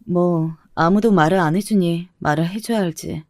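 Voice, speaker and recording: A woman's voice: lowish voice, normal speed, darkish tone, no room sound, clean studio sound, close to an everyday voice. A woman voicing a blunt, successful woman near forty who answers in curt, cutting retorts. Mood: scornful.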